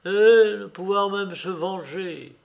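A man voicing an older, grieving father who rants with loud, impassioned outbursts of rage and anguish. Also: sits high, takes it slowly, vocal fry, voice pushed up, heavily acted. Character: older grieving father, a mayor, enraged and vengeful. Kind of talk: audiobook reading.

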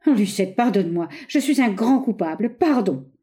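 Woman voicing a frantic young man, high strained voice, lively pitch, dark tone. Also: normal speed, close to an everyday voice. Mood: pleading. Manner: shouting, pleading. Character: flustered young male suitor caught out.

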